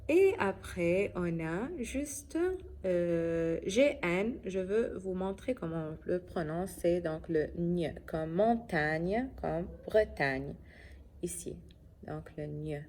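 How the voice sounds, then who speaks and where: Female teacher, lowish voice, very slow and careful, explains letter sounds and keeps checking understanding. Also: darkish tone, a little hiss or hum. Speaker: French teacher. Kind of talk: phonics lesson.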